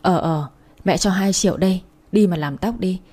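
A woman's voice: on the low side, normal speed, mellow, slightly rough. A woman voicing an insistent, scolding middle-aged mother in a storybook reading. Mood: nagging.

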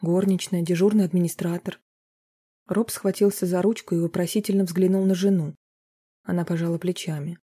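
Husky, mellow audiobook narrator. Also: medium pitch, fairly even intonation, a little fast, dry recording. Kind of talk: audiobook narration of a romance novel.

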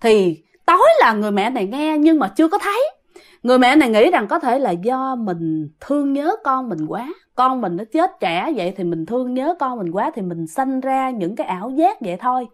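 A woman's voice: sits high, very animated, moderate pace. A woman with a Southern Vietnamese accent telling a ghost story casually, often addressing her listeners directly.

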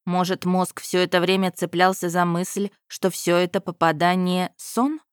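Female audiobook narrator, lowish voice, dry close mic, first-person storytelling. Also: monotone, normal speed, smooth, no echo.

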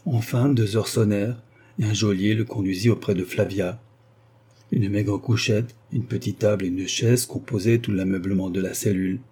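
Husky low male audiobook narrator. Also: fairly even intonation, dark tone. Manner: measured, formal literary reading. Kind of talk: scripted narration.

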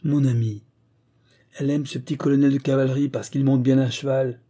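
A man's voice: mid-range voice, little pitch movement, fairly quick, dark tone, close to an everyday voice. A man playing an enraged, proud young painter who thunders with wounded vanity, in a storybook reading. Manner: thundering, roaring.

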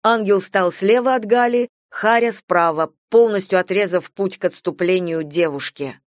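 A woman reading a comic story aloud, narrating in a lively, ironic way. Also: medium pitch, moderate pace, no room sound, studio quality. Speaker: audiobook narrator.

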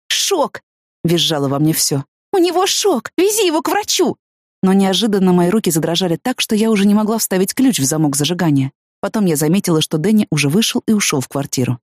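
A woman's voice: dark tone, dry recording, clean studio sound. A woman reading a first-person story aloud as an audiobook, dramatic and intense in its voicing. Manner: dramatic, rising to high anguished cries in quoted speech. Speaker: narrator.

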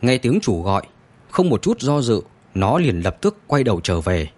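A man narrating a story in an expressive, dramatic scripted reading. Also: medium pitch, normal speed.

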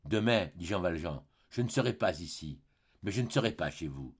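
A man voicing a gentle, dying old man who speaks faintly in an audiobook. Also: low voice, animated, normal speed, husky, pitched below the performer's own voice. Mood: weak. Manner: faint, subdued.

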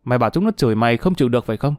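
A man voicing a hot-tempered ex-convict husband who shouts and curses roughly. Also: medium pitch, lively intonation, fast talker, no echo, studio quality, soft background music, close to an everyday voice. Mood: angry.

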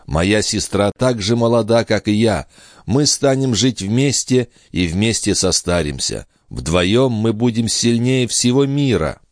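A man's voice: on the low side, expressive, a little slow, no room sound, clean studio sound, voice pushed up. A man reading an audiobook and voicing a young nobleman as a protective brother, in a solemn, restrained, consoling voice. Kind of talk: audiobook character voice.

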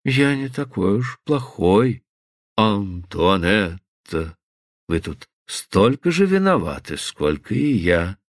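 A man voicing a commanding older businessman who speaks slowly and softly in a low, hushed voice. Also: sing-song, no room sound, clean studio sound. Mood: coaxing. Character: powerful, commanding older businessman, coaxing and tender.

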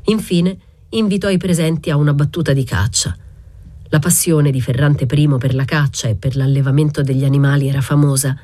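A woman reading a novel aloud as scripted literary narration, in a measured, even way. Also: low voice. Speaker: audiobook reader.

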